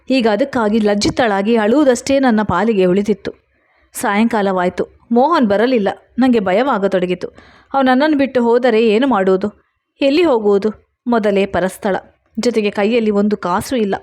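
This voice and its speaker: A woman narrating a first-person dramatic story in a steady, expressive reading voice. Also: medium pitch.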